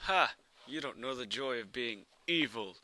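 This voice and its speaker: A man voicing an evil, gloating catfish villain with slow, theatrical menace. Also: medium pitch, animated, bright, forceful tone.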